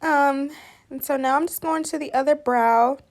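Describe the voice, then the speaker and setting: A woman's voice: high voice, moderate pace. A young woman chatting casually through a makeup tutorial voice-over, easygoing and talking through each step. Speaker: makeup artist.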